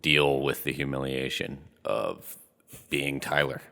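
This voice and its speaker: Deep-voiced young man, brash co-host. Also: slow, vocal fry, pushed and bright. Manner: brash, mock-aggressive teasing. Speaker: podcast co-host. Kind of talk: casual comedic banter. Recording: echoey room with long reverb.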